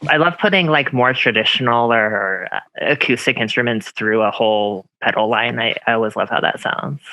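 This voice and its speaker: A man's voice: medium pitch, a little fast, sharp tone, rough recording. A man co-hosting a live stream chat, upbeat and enthusiastic as he asks questions. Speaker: co-host.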